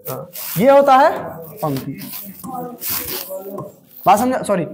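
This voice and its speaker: A man's voice: sits high, big pitch swings, slow. A man teaching a maths class, repeating terms word by word and often asking if the students have understood. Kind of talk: slow classroom lecture.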